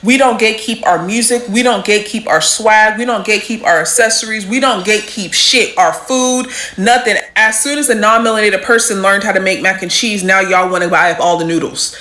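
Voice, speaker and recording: A woman's voice: medium pitch, sharp tone, echoey room. A woman giving a blunt, frustrated opinion rant.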